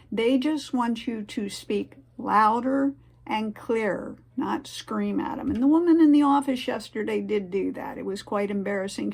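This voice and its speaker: A woman's voice: mid-range voice, gravelly, slightly rough. A woman giving casual, earnest advice to the camera, rambling a little with fillers and restarts. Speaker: vlogger sharing tips.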